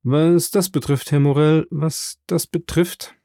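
A man voicing a gruff, loyal old sailor in an audiobook, speaking in a strained, pressed way. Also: mid-range voice, expressive, moderate pace, warm tone, no echo, clean studio sound, lightly acted. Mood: pleading, loyal.

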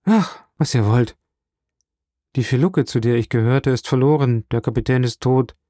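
A man's voice: medium pitch, moderate pace, warm tone, dry recording, studio quality, natural voice. A man reading an audiobook, voicing a determined young seaman who speaks in an earnest, confident way.

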